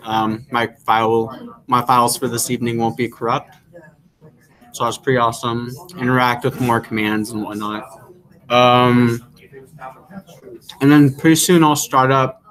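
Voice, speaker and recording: A man's voice: medium pitch, steady tone, measured pace, pauses often, fairly bright tone, poor audio. Casual young male instructor. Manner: filler-heavy, repeats "yeah" often. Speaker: course instructor. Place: classroom.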